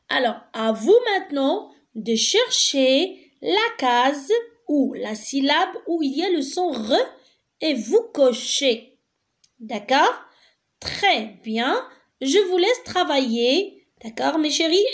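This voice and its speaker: A woman teacher giving a lesson to young children, gentle and patient, repeating each word slowly and clearly. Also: high-pitched, expressive. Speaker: primary school teacher. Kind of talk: slow, patient classroom lesson.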